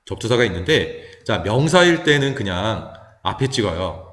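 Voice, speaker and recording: A man who teaches high school English, explaining pronunciation step by step in a patient lecture style with many small fillers. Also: very animated, moderate pace, a bit bright. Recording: echoey, reverberant room.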